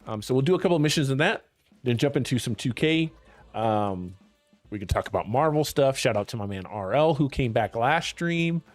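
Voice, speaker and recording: A man's voice: mid-range voice, lively intonation, a little fast, no echo, soft background music. A young man hosting a casual gaming stream, chatty and laid-back, talking while his voice is worn. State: losing his voice. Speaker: streamer host.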